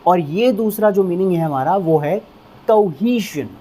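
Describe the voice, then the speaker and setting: A man teaching English vocabulary in Hindi, explaining patiently and drilling each word with slow repetitions. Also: sits high, dark tone.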